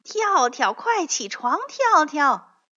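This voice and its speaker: An excitable little rabbit boy in a storybook tale, put on by a woman, his voice pitched high and bright and swooping all over. He exclaims eagerly, heard through a dull lo-fi recording. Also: measured pace, exaggerated voice. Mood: excited. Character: excitable young male rabbit.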